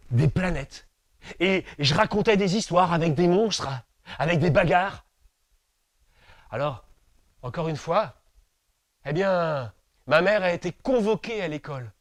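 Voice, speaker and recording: A man from France telling a story aloud, slow and rhythmic, with deliberate repetitions and pauses. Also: high voice, dry recording, clean studio sound. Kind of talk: oral storytelling performance.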